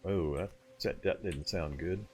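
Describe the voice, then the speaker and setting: A man's voice: sits low, measured pace, music in the background. A man streaming a video game live, thinking aloud as he loots, explaining game mechanics and chatting back to viewers with easy laughs. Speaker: let's play streamer.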